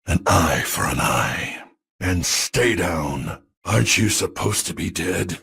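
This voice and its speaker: A grim older soldier in a video game. The voice is low, slow and gruff, full of gravel. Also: male voice, fairly bright tone, heavily acted. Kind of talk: video game character voice lines.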